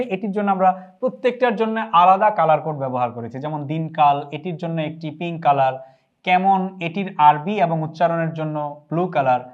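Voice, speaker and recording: A man with a Bangladeshi Bengali accent teaching a spoken Arabic lesson, drilling phrases slowly and repeating each one. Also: on the high side, lo-fi sound. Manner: slow, careful drilling of phrases with repetition.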